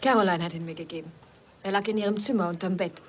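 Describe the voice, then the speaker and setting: A woman's voice: on the low side, fairly even intonation, quick pace, a little hiss or hum, lightly acted. An actress playing a hesitant, questioning young woman, in a film dub. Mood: uneasy.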